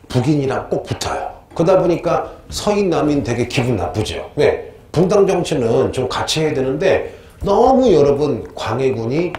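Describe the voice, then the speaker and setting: A middle-aged male history teacher giving a lively lecture, quizzing his students with call-and-response questions. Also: mid-range voice. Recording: echoey room, faint noise.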